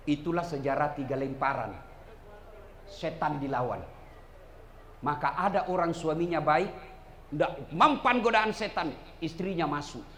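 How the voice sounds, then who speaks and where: A middle-aged man preaching a humorous sermon, animated and joking, shouting his punchlines. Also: a little high, unhurried, long pauses. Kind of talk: humorous sermon to a large crowd. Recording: echoey hall with faint noise.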